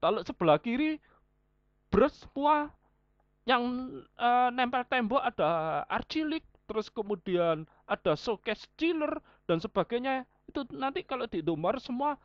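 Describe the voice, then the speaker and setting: A vocational school teacher runs her online class point by point, linking each idea to everyday examples. Her voice swings widely in pitch as she speaks at an unhurried pace. The recording sounds dry and a bit dull, with no room sound at all.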